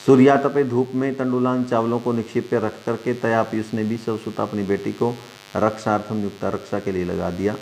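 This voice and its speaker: A man's voice: lowish voice, flat delivery, fairly quick, a little mellow, slight background noise. A male Sanskrit teacher, giving an online class, reading a lesson aloud and translating it phrase by phrase for the children. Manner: reads a line then translates it phrase by phrase; addresses students as dear children.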